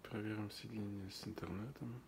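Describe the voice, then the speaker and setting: A man giving a plain, unscripted product demonstration in halting short phrases, recorded on a handheld phone in a shop. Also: lowish voice, steady tone, creaky, noisy background. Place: indoors, electronics shop. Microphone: handheld phone behind camera.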